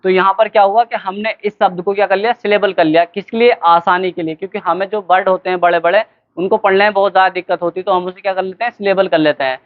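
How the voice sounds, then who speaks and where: A man teaching English grammar to students in a classroom-style lesson. He asks questions and answers them himself, calls the students "beta", and spells words out slowly letter by letter. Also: high voice, fairly even intonation. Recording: tinny phone-like lo-fi recording.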